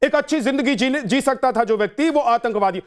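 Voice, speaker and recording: A man moderates a heated television debate, cutting in on his guest and firing accusations. His voice sits very high for a man, and he presses his points hard and fast. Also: clear, resonant tone. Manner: forceful, interrupting, accusatory. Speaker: news anchor.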